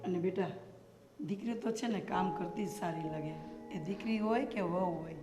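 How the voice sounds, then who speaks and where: A coaxing middle-aged mother, played by a woman, talks in a mid-range voice. The room is echoey with a long reverb, and clear music plays beneath her. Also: fairly low pitch, moderate pace, natural voice. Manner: soothing, coaxing advice. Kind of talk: short-film family drama acting. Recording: echoey hall with loud music.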